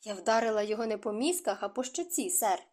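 A woman voicing a spirited, earnest young noblewoman with a frank, lively way of talking. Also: medium pitch, fast, close to an everyday voice.

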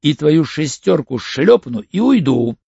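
A tough male ex-convict, read by a man speaks in short, blunt phrases with a gravelly, husky edge. The audiobook sound is dull and dry, with a lively rise and fall to the lines. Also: fairly high pitch, unhurried, no room sound, exaggerated voice. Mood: hard, curt. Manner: blunt, clipped, threatening. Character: tough hardened male ex-convict, curt and cool.

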